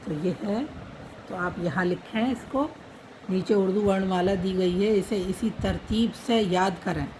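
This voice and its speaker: Slow, patient woman teaching script. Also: mid-range voice, background noise. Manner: patient, repeats letter names while writing. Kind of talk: slow step-by-step writing lesson.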